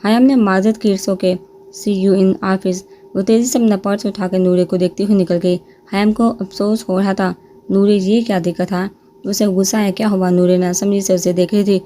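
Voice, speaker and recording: A woman narrating a romance novel aloud, reading every character's lines in her own voice with small lifts in pitch. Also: little pitch movement, dark tone, a little hiss or hum. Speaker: novel reader.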